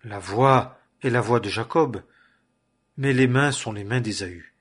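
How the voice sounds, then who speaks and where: A man reading the lines of an aged blind father in a solemn, measured way. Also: medium pitch, fairly bright tone, slightly rough. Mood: questioning.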